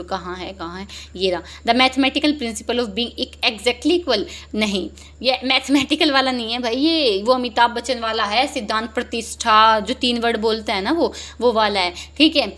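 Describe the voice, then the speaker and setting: A young woman teaching exam vocabulary, joking and lively, reading each answer option slowly before explaining it. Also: on the high side. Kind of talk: exam-prep lesson, Hindi mixed with English.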